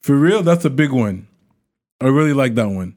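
Man, mellow dark voice, bilingual casual talk. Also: mid-range voice, expressive, normal speed. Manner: switches between English and French. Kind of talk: casual chat about rap.

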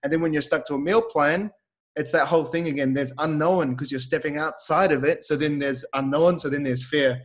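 A man hosting a podcast as a fitness coach, talking in a relaxed, rambling way with lots of fillers. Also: on the high side, brisk. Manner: relaxed, rambling, heavy on fillers like "like" and "you know". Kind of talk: casual podcast chat.

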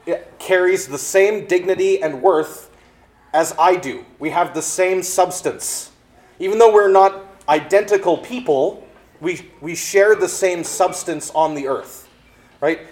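A man preaching a sermon, reading scripture and then explaining it with lively acted-out exchanges. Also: sits high, measured pace. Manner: animated preaching, acts out exchanges in quoted voices. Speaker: pastor.

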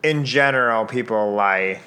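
Young man, bright voice, rambling casual podcast banter. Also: lowish voice, measured pace. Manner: joking, rambling with many fillers. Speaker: podcast co-host. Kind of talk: casual chat.

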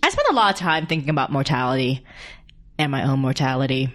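A woman with a notably low voice chats casually as a podcast co-host. She sounds earnest and reflective and speaks in quick bursts. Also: sing-song. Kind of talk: casual chat.

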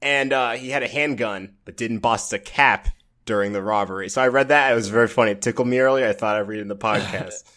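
A man's voice: on the low side, quick pace, fairly bright tone. A man co-hosting a casual comedy podcast, reading odd news stories aloud and joking about them. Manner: playful, reads news items aloud with jokes. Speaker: podcast co-host.

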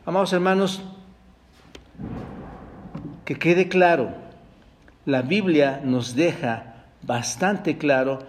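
Man preaching, voice sitting a bit high, quizzes the congregation and stammers through repeats, rises to loud peaks. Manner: preaching with rhetorical questions, often addressing "hermanos"; repeats and restarts words, rising to loud emphasis. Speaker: pastor. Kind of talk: sermon. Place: church service.

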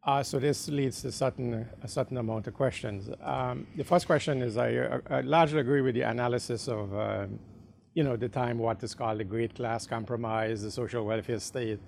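Gravelly man from the Caribbean asking a question. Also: medium pitch, fairly even intonation, moderate pace, darkish tone, a little hiss or hum. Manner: hesitant, many fillers and "right?" checks. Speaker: audience member asking a question. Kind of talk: long audience question.

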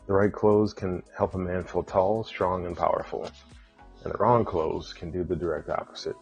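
A man's voice: low-pitched, steady tone, normal speed, a little mellow, breathy edge, highs cut off, faint music behind. A man hosting a podcast, reading a scripted intro and then chatting with an upbeat, hyped-up delivery. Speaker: podcast host.

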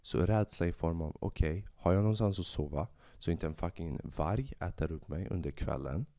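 Swearing, rambling sick man, low voice. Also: dry recording, clean studio sound. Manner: swearing, rambling, animated rants. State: sick with fever. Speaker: podcast host. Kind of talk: casual monologue podcast.

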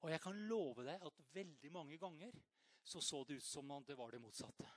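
A middle-aged male pastor preaching an animated sermon to parents, shouting out acted outbursts and then dropping to soft asides. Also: on the high side, dry recording, clean studio sound.

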